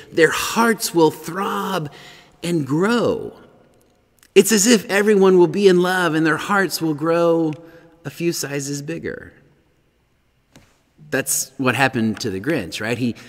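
A middle-aged man preaching a sermon as pastor, earnest and growing animated as he reads, in a large empty church sanctuary. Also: on the high side, big-room sound.

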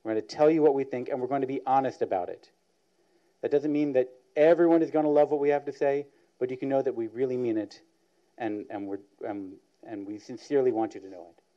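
A man opening a public presentation, laying out questions in a measured way. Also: mid-range voice. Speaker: panel moderator. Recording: dull lo-fi sound.

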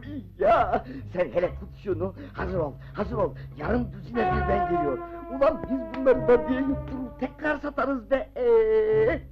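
An actor in an old film playing a scrappy young street rascal who grumbles and quips. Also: male voice, high voice, close to an everyday voice. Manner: quick, cheeky, complaining. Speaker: street rascal raiding a liquor stash. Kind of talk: 1960s Turkish film acting. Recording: dull old film soundtrack with music.

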